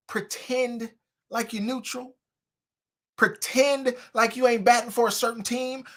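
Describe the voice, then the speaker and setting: A man delivers livestream commentary, mocking and preachy in tone. His voice is bright and forceful, and it swings from quiet asides to loud outbursts. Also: extremely high pitch. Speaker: commentary host.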